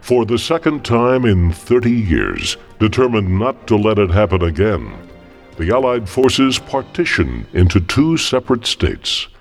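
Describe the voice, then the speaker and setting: A man's voice: fairly low pitch, very animated, unhurried, faint music behind. A man narrating a historical documentary from a script.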